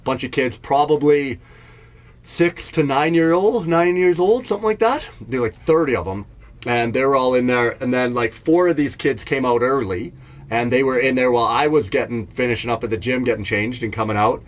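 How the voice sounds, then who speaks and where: A man's voice: mid-range voice, moderate pace. A middle-aged man from Canada telling stories in a rambling, self-mocking comedy podcast monologue. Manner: rambling, self-mocking, laughs at his own bits. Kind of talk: casual storytelling monologue. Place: in Jasper, staying in an RV.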